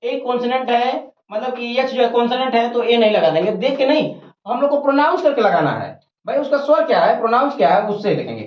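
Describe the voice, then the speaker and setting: Lively-pitched tutor teaching grammar step by step, in an echoey room on dull, lo-fi audio. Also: fast. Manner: repeats each point, asks questions and answers them. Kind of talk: whiteboard grammar lesson. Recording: roomy, dull lo-fi recording.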